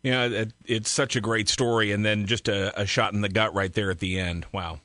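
A man's voice: lowish voice, fairly even intonation, normal speed, sharp tone, dry recording. A man hosting a conversational broadcast interview, reacting and putting questions to his guest. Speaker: radio host.

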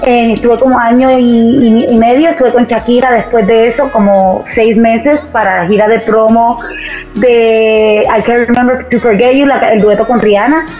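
A Puerto Rican woman in her thirties, a singer, chatting as a guest in a podcast interview, lively and using the filler "este". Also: on the high side, moderate pace, soft background music. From Puerto Rico. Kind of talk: conversational interview.

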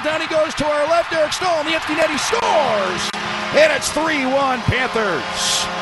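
A man doing rapid, excited hockey play-by-play as a radio announcer, shouting when goals come. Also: very high voice. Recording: radio broadcast over loud arena noise. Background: loud arena ambience.

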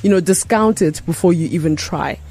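Woman interview host; low, husky, mellow voice, gentle and encouraging. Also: fairly quick. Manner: soft encouraging backchannels.

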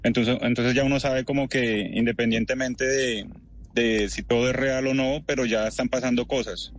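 Speaking by phone from a moving car, a thirtysomething translator in Ukraine, originally from Barranquilla, Colombia, answers interview questions. He has a medium-pitched, steady voice and a lightly worn Colombian Spanish accent. Measured and thoughtful, he scatters fillers such as "pues" and "o sea" throughout.

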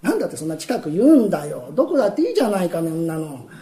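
A man's voice: a little high, sing-song, very fast, reverberant, noisy background, pitched below the performer's own voice. A man in a rakugo telling voicing a brusque young courtesan who scolds in a curt, dismissive way. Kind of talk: rakugo storytelling.

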